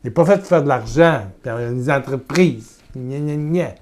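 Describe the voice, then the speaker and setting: Speaking at a moderate pace in a medium pitch, a Québécois French-accented man delivers a sermon and leads a guided prayer. His tone stays earnest and repetitive while his volume swings from loud pleading to gentle murmuring.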